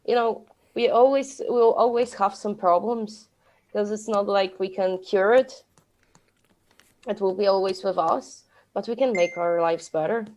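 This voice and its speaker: Polish woman podcast co-host, mid pitch, halting non-native phrasing, casual. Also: darkish tone. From Poland. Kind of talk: casual chat.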